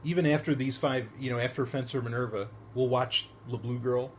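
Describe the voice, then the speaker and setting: A man's voice: medium pitch, steady tone, a little fast, slight background noise. A man hosting a podcast in casual chat, rambling with many fillers and restarts and laughing often. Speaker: podcast host.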